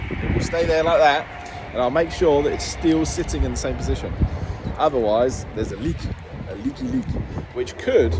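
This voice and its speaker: A man's voice: on the high side, noisy background. A British man chatting casually for a vlog about his own work, playful and jokey, slipping into silly baby-talk words. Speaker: car dealer filming a repair vlog.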